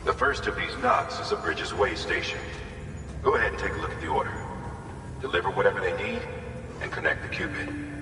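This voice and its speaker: A stern, middle-aged male director, played by an actor barks clipped orders in a deep, low voice. It sounds distant and roomy, with a long echo tail and loud noise behind it, like a radio call in a video game. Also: brisk, pauses often, close to an everyday voice. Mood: commanding. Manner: clipped, commanding briefing. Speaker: mission director.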